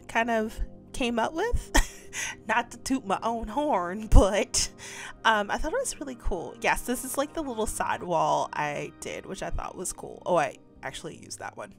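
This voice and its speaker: A woman's voice: fairly high pitch, creaky. A woman with a stuffy nose from a cold, chatting casually as a game building creator, rambling with lots of fillers and little giggles. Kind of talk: casual voice-over commentary.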